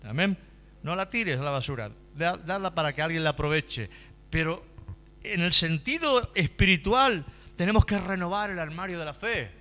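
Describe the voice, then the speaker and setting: A man from preaching a sermon in church, with fervent, repetitive lines that build to loud exhortation. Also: on the high side. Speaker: pastor.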